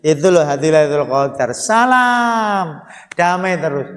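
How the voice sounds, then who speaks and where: A man delivers a humorous sermon in a fairly high voice, animated and full of jokes. His words ring out with a long reverb, as if spoken in a large hall. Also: unhurried. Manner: animated, joking, lively swings of tone. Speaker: preacher.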